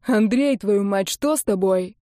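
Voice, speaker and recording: A woman reading the part of a tough young man who snaps and shouts angry demands. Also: medium pitch, a little slow, no echo, clean studio sound, lightly acted. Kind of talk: audiobook character reading.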